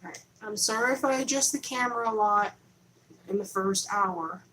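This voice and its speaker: A woman's voice: medium pitch, normal speed, fairly bright tone, a little hiss or hum, low-quality recording. A woman hosting a rambling, conspiratorial livestream from her home, talking casually into a camera on a holder. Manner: chatty, conspiratorial, self-interrupting. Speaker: livestream host. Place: home in Texas.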